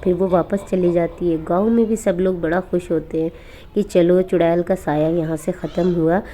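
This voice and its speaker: A woman narrating a cartoon horror story in a plain, steady storytelling manner. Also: lowish voice, normal speed, slight background noise.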